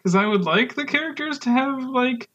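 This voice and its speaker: A man's voice: very high voice, lively intonation, normal speed, fairly bright tone, muffled recording. A man co-hosting a casual podcast, joking dryly and chuckling often. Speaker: podcast co-host.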